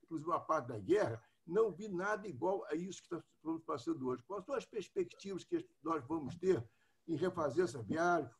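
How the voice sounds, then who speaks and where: Man in his 80s, husky, slightly high voice, halting, rambling question on a video call from home. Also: expressive. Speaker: club member asking a question.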